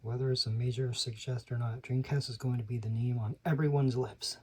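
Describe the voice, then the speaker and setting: A man's voice: mid-range voice, fairly even intonation, brisk, husky. A man flipping through an old magazine, reading ad slogans aloud and adding dry, muttered asides, sometimes dropping to a whisper. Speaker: channel host. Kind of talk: casual commentary while paging through a magazine.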